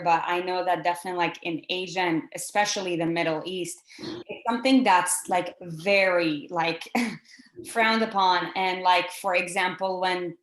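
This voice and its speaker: A woman's voice: fairly low pitch, fairly bright tone, reverberant. A woman podcast host from Israel, chatting casually with lots of likes and you-knows. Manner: chatty, filler-heavy with many likes.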